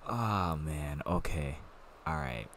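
A man's voice: sits low, lively intonation, moderate pace, a crowd in the background. A young man giving laid-back, slangy commentary while playing a football video game. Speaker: gaming channel host. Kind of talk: casual gameplay commentary.

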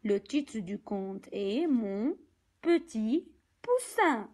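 A woman teaching young children from a picture book, speaking slowly and deliberately, repeating words and counting aloud. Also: fairly high pitch, sing-song, a little mellow, rough recording.

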